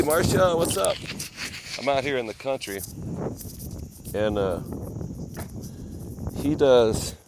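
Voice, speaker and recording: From a garden cafe, a man livestreams on his phone with an ear-worn mic, rambling casually and greeting viewers by name. His voice sits lowish, and the low-quality recording carries slight background noise.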